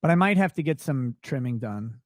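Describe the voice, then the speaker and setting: With lively intonation and a slightly fast pace, the host, his voice not deep, tackles viewer questions on a casual late-night stream in a blunt, crude, profane way. Clean studio sound, no room sound.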